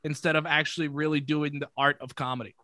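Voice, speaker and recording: A man in his twenties, a comedian guest talking casually and profanely on a podcast, animated in his storytelling. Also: fairly high pitch, fast talker, no echo. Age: 20s.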